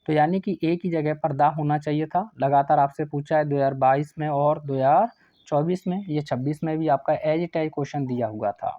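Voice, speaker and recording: A man's voice: on the high side, steady tone, normal speed, mellow, no echo. A man teaching English grammar for an exam, asking his students questions and then answering them himself. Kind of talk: exam-prep lesson. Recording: dry, slightly dull sound.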